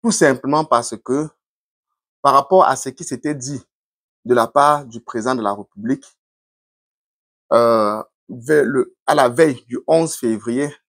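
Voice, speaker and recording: Husky man giving vlog commentary. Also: mid-range voice, a little slow, pauses often, fairly bright tone, dry recording, clean studio sound.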